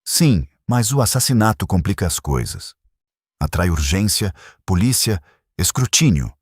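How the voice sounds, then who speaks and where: A man doing a calm, precise old detective. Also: low voice, slightly rough, no room sound, clean studio sound, voice pushed up, full character voice. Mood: reasoning. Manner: measured, gently probing. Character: shrewd elderly male detective, calm and precise. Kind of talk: audiobook character reading.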